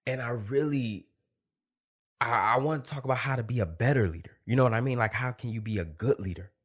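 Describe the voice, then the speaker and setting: A man's voice: medium pitch, a little fast, husky. A man hosting a casual solo podcast, rambling and emphatic, with a slight lisp and thick-tongued speech from a swollen tongue. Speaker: podcast host.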